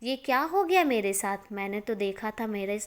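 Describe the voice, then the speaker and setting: A woman narrating a moral story in a steady, expressive storytelling manner. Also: mid-range voice, normal speed.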